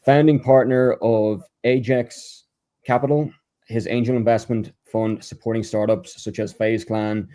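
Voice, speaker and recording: Hosting a podcast interview, this man introduces his guest in a fairly low, dark voice that stays steady and unhurried. His reading is halting, full of fillers and false starts.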